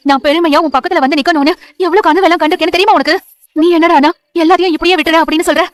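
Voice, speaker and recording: A woman's voice: extremely high pitch, fairly even intonation, very fast, no room sound. An actress playing a loving mother who reassures and encourages her grown son in a TV serial. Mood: tender. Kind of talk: TV serial acting.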